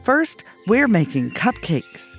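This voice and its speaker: Excitable girlish cartoon duck played by a man, bossy, high and swooping, music behind. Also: slow, full character voice. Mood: excited. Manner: eager, exclamatory.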